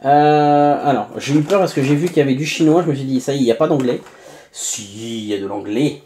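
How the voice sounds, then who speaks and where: A man's voice: mid-range voice, fairly quick, mellow. A man hosting a casual unboxing review, chatty, with many fillers and asides to viewers. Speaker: tech reviewer host. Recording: echoey room, faint background noise.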